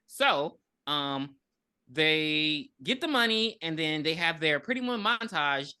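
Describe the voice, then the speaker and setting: A woman's voice: low-pitched, takes it slowly, clear, resonant tone. A woman in her thirties recapping a movie in casual, profane podcast chat, acting out the characters' lines as she goes. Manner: animated storytelling with acted-out quotes.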